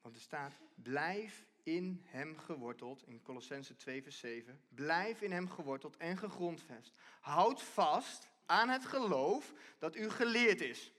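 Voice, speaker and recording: A man's voice: a little high, animated, a little slow, fairly bright tone. A man giving a conversational sermon from a church stage, often restarting and repeating himself as he explains. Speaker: preacher.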